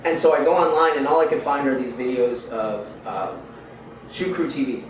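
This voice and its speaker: Talking at a moderate pace in a medium pitch, a young guest from Houston, United States, keeps his podcast interview casual. He's relaxed and slangy, leaning on fillers. The mic is far away in an echoey room with faint noise.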